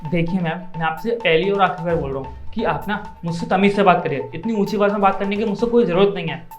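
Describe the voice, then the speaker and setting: A man playing an unrecognized company owner in a short skit, calm and firm when talked down to. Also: high voice, fast, roomy sound, dull audio, soft background music, lightly acted. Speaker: company owner mistaken for a cleaner.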